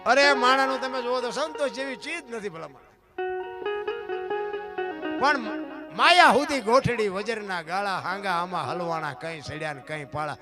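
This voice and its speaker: Man, folk storyteller, moral discourse, rhetorical questions, high voice, guitar playing behind. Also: normal speed, pauses often. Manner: rhetorical questions, keeps calling listeners "bapu". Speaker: folk storyteller at a dayro gathering.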